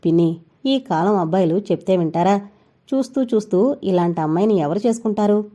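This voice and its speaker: A woman's voice: medium pitch, animated, fairly quick, mellow, lightly acted. A woman voicing a middle-aged mother who speaks bluntly and matter-of-factly, in a storybook reading. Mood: defensive.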